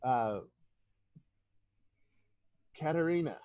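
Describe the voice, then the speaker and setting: A man with a mid-pitched voice narrates a tabletop game scene slowly, pausing and restarting often. The sound is dry and close, as on a video call. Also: animated, a little mellow, no echo. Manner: hesitant, halting. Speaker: game master.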